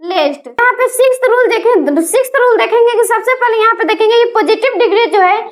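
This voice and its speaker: High-voiced woman teaching grammar. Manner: spells words letter by letter slowly. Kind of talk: grammar lesson.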